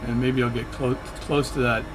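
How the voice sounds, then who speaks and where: This is casual play-along narration from a man who makes flight sim videos, spoken in a level, mid-range voice at normal speed. Music sits in the background, and his talk is rambling and chatty, full of mid-sentence self-corrections.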